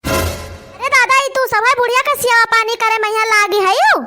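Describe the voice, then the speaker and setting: A woman voicing a harsh, bossy daughter-in-law in a cartoon, with an Awadhi accent and a sharp, scolding way of talking. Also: extremely high pitch, normal speed, faint music behind. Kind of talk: cartoon voice acting.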